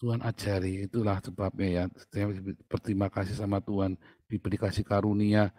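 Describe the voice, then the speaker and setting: A man's voice: lowish voice, level tone, brisk, warm tone, dry recording. A man preaching in a casual, joking way, reading scripture and then chatting and laughing as he comments. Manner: mimics other people's speech. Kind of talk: informal sermon with scripture reading.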